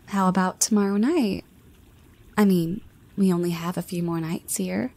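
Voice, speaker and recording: In this scripted audio roleplay, a woman performs a self-assured young woman who teases a friend with playful asides spoken half in a whisper. She talks at normal speed in a lowish, creaky voice with a dark tone.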